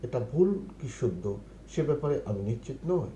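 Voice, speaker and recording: A middle-aged man with a Bangladeshi accent, teaching spoken English by reading phrases slowly and translating each one. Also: mid-range voice, very animated, warm tone. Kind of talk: numbered spoken English lesson. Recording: echoey room with faint noise.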